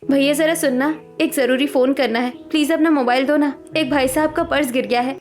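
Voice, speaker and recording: A woman voices a poor but honest young woman in an animated story. She pleads earnestly in a high voice and keeps her speech plain and sincere. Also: brisk, crowd noise, natural voice. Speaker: cartoon character.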